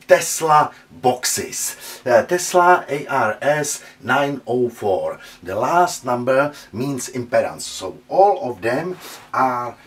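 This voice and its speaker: Speaking in halting English with a Czech accent, this channel host from the Czech Republic gives a relaxed, hands-on look at vintage speakers on a table. He fills his frequent word searches with "uh," and his pitch leans high.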